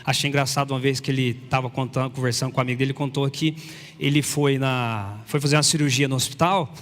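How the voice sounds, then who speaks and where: A man's voice: medium pitch, fairly even intonation, fast talker, fairly bright tone. A man preaching a sermon as pastor, animatedly acting out imagined dialogue with God. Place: church. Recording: long reverb of a church hall.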